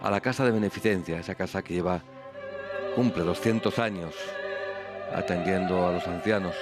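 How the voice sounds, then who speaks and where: A man's voice: low-pitched, moderate pace. A man commentating on a religious broadcast of a Mass. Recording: loud music under the voice.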